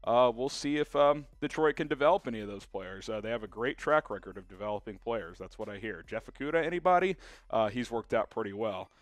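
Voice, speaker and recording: A young man hosting a live sports talk stream, reading viewer comments aloud in an energetic, chatty way with plenty of fillers. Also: mid-range voice, fairly quick, no echo. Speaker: sports show host.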